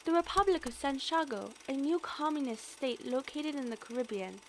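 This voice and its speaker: In this audio drama, a woman voices a keen young military analyst who is exact and respectful, delivering an earnest briefing. Her pitch is high with lively intonation, her pace is moderate, and a faint hiss or hum runs underneath.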